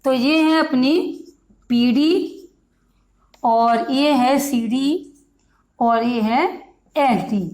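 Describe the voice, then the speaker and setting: A woman with a Hindi accent leads a grammar lesson at an unhurried pace. Her voice sits fairly high, and she repeats each example word and stretches it out for her students. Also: darkish tone, poor audio. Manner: slow, repetitive, stretches out example words. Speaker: grammar teacher.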